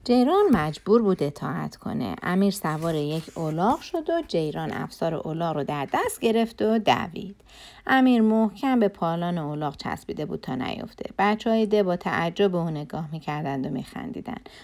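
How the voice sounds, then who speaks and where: A woman narrating a children's folk tale with a steady, clear storytelling delivery. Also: lowish voice.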